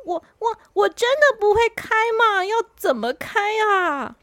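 A woman's voice: very high-pitched, lively intonation, measured pace, a bit bright, no echo, pitched above the performer's own voice, full character voice. A woman voicing an anxious young girl who stammers and sounds close to tears. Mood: fretful. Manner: stammering, teary.

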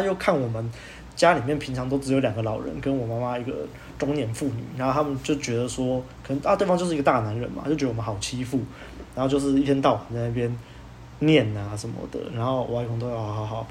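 A young man, hosting a podcast and telling a story in casual chat, animated and laughing as he goes. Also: medium pitch, slight background noise. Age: young adult. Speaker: podcast host.

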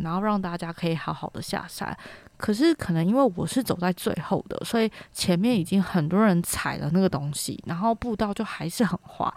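A woman's voice: lowish voice, a little mellow, no echo. A young woman from Taiwan hosting a podcast, telling a story in a chatty, casual way and stringing clauses together with fillers. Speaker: podcast host.

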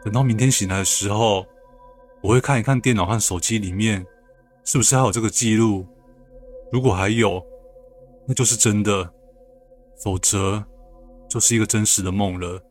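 Man, calm scripted horror narration, lowish pitch. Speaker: storyteller of ghost stories.

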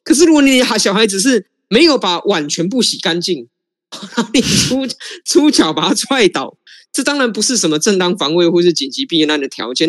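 A man's voice: fairly high pitch, fairly bright tone, dry recording. A man with a Taiwanese Mandarin accent, co-hosting a casual podcast and firmly laying out his opinions. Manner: opinionated, emphatic arguing. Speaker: podcast co-host.

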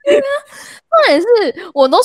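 A woman's voice: very high voice, moderate pace, no room sound, clean studio sound. A young woman with a Taiwanese Mandarin accent, hosting a podcast and telling a story in casual chat full of fillers and laughs. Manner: animated, laughs mid-story, lots of fillers. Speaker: podcast host.

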